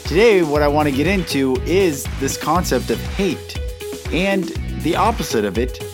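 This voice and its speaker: Over loud music, a man hosts a solo podcast episode as a life coach, speaking earnestly and emphatically and putting questions to his listeners. His voice is a little high and animated at normal speed, and he cannot roll his R's.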